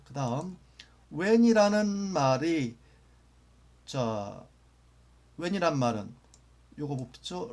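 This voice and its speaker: A man's voice: on the low side, gravelly, a little mellow, a little hiss or hum. A man teaching English grammar in a lecture, patiently repeating phrases and sometimes dropping almost to a whisper for example sentences.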